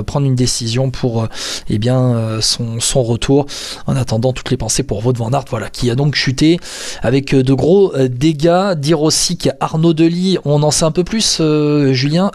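A man hosts a casual podcast in a voice of ordinary pitch. He talks loosely and hesitantly, filling gaps with fillers and restarting his sentences. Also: darkish tone. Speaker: podcast host.

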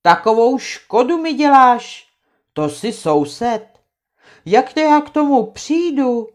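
Storybook reading: woman putting on a loud, whiny old landlord, sneezing and blustering, pitched up high. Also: sing-song. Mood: indignant. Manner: shouting, sneezing fits. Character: grumpy rich old landowner, sneezing, blustering.

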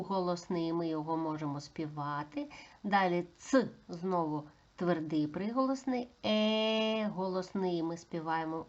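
A woman's voice: lowish voice, darkish tone, lo-fi sound. A woman giving a patient phonics lesson to small children, sounding out letters and singing the vowels. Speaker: preschool teacher.

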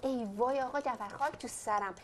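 A woman playing an excitable fussing mother. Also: sits high, slight background noise, close to an everyday voice. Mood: fretful. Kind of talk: TV comedy drama acting.

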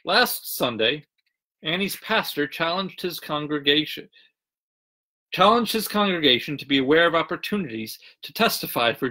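Bright-voiced pastor reading jokes. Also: male voice, on the high side. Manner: chatty, greets online viewers by name. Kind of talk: livestreamed sermon and joke reading.

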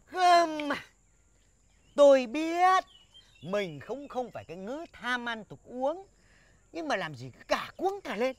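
A fussy, nagging village husband. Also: male voice, very high voice, big pitch swings, slow, long pauses, heavily acted. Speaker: husband in a rural village comedy. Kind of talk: comic film acting.

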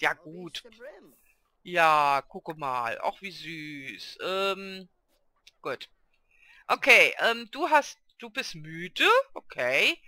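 A woman's voice: fairly high pitch, bright, forceful tone, no room sound. A woman casually commenting on her own gameplay, chatty and coaxing, talking to her game characters like children. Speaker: let's play gamer.

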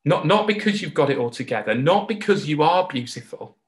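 A man preaching a sermon in an earnest, heartfelt way, slowing down and pausing to stress key words. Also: a little high, expressive. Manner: earnest, heartfelt, with slow emphatic pauses. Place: home recording for an online service.

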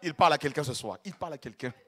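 Speaking very fast in a slightly high, animated voice, a man delivers an ecstatic sermon. He swings between murmurs and shouted cries, repeating and tripping over his words out of fervor.

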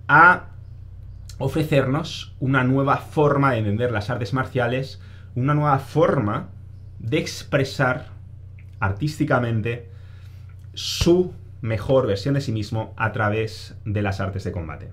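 A man, giving a casual self-help monologue to camera, stressing points by repeating phrases and answering his own questions. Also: medium pitch.

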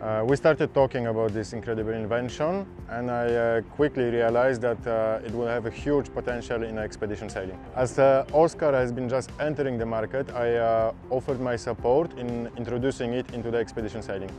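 Plain-spoken sailor man, mid-pitched. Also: fairly even intonation, a little fast, hardly any pauses, a little mellow, faint music behind. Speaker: expedition sailor. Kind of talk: testimonial to camera.

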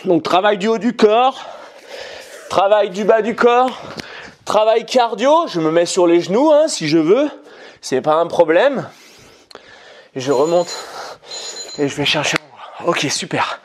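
Male fitness coach, high-pitched, unhurried delivery, counts reps and pushes people on. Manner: encouraging, counts reps and urges on. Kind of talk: guided home workout instruction.

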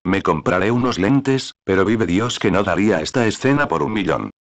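A man with a low voice voicing a jovial, teasing young count in an audiobook reading, wry in manner. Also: expressive, normal speed.

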